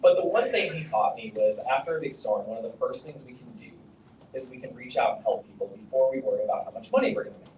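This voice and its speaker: A man's voice: medium pitch, expressive, fast, darkish tone, roomy sound, recorded from a distance, slight background noise, rough recording. A man giving a casual, profane storytelling talk on stage at a summit, leaning on "like" and "okay?". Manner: casual, profane, self-deprecating, lots of "like" and "okay?". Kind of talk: storytelling keynote speech. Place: conference hall.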